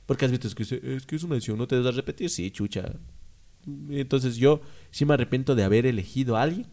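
A young man, co-hosting a podcast in casual chat, slangy and quick to swear. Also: mid-range voice. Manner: animated, slangy, swears freely. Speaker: podcast co-host.

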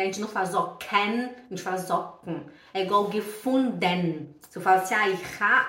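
Animated teacher woman, echoey room. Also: mid-range voice, recorded from a distance. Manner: animated, demonstrating sounds slowly. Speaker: German teacher. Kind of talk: pronunciation lesson. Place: Switzerland. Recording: echoey room, voice a bit off-mic.

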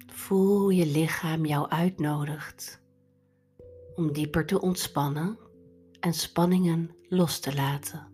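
A woman leading a guided meditation in a soft, breathy, soothing delivery over instrumental music. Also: low voice, steady tone, slow pace.

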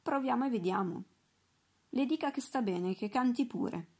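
A woman's voice: on the high side, animated, normal speed, breathy edge, pitched above the performer's own voice. A woman reading aloud voices a commanding male ship captain, calling out orders in a storybook. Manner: shouting orders over a storm.

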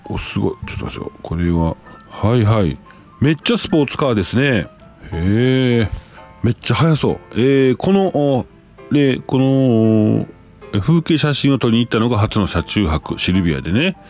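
A man's voice: medium pitch, lively intonation, moderate pace, darkish tone, faint music behind. A man with a Kansai accent, hosting a casual live stream, reading listener messages aloud and exclaiming often as he reacts.

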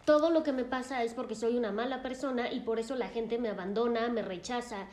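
A woman voicing a distraught grown man, an anxious therapy patient who talks in a halting, self-blaming way. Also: fairly high pitch, steady tone, a little mellow, reverberant, natural voice. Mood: distressed.

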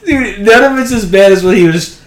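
A man co-hosting a podcast in casual chat, easygoing and quick to laugh. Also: high-pitched. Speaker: podcast co-host. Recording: roomy echo.

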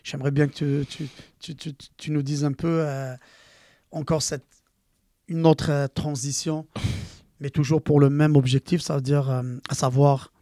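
Male interviewer, warm and mellow, halting questions with stumbles, dry close mic. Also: fairly high pitch, level tone, no echo. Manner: halting, many repeated words and fillers. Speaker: podcast host. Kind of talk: casual interview.

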